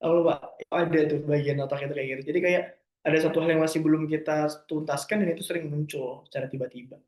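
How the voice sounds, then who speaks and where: A young man answering listener questions in a casual talk, gentle and reassuring, often forgetting terms and restarting. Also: fairly high pitch, steady tone, fast talker, echoey room.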